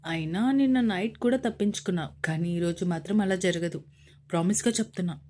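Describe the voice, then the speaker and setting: A woman's voice: on the low side, a little fast, mellow, slight background noise, close to an everyday voice. A woman voicing a young man who is an affectionate, teasing husband in a romance story. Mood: playful.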